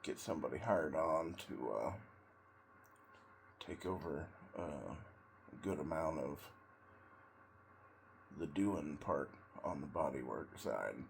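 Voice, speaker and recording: A man sitting in ice cold water, giving a casual, rambling monologue in a halting way with long pauses between short phrases. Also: a bass voice, lively intonation, gravelly, a little hiss or hum. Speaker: vlogger, tradesman in auto body and paint.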